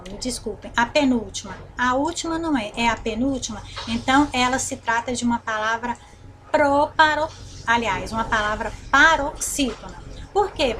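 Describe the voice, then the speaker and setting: A woman's voice: a little high, a bit bright, a little hiss or hum. Brazilian teacher woman drawing out syllables. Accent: Brazilian Portuguese. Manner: slow, drawn-out repetition of syllables, frequent "né?" and "tá certo?" check-ins. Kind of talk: recorded online grammar lesson.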